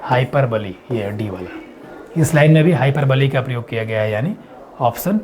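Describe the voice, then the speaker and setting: A man teaching an exam-prep lesson, explaining step by step and answering his own questions, reading quiz lines slowly. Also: medium pitch, expressive, darkish tone, a faint crowd, slight background noise. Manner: reads English quiz lines slowly and deliberately.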